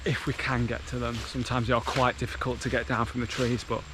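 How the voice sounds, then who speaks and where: A man's voice: medium pitch, level tone, fast talker, noisy background. A man narrating a casual travel vlog, explaining his conservation work with a light, humorous touch. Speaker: vlogger and sloth conservation worker. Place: rainforest and countryside, partly outdoors.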